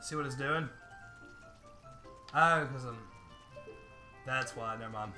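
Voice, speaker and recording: A man's voice: mid-range voice, slow, sharp tone, faint music behind. A man co-hosting casual, joking game commentary in a brash, sarcastic, profane manner. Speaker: gaming channel co-host.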